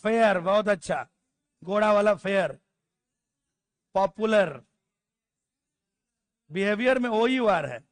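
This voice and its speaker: A man's voice: sits high, slow, long pauses. A man teaching English grammar to a class, spelling letters out, calling out word lists and teasing students. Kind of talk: classroom lecture.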